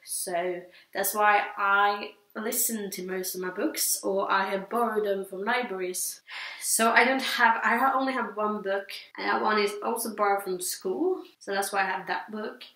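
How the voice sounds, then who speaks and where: Speaking English as a non-native with Swedish as her first language, this teen-to-young-adult book reviewer rambles hesitantly and repetitively through her views in a casual vlog. Her mid-range voice sounds pushed and bright, with a steady tone at a moderate pace. The recording has a roomy echo.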